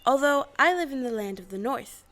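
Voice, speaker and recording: A woman's voice: high-pitched, lively intonation, brisk, a bit bright. A woman playing a small, kindly old good witch in an audio play, explaining things in an assured, matter-of-fact way. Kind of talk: stage-style audio play acting.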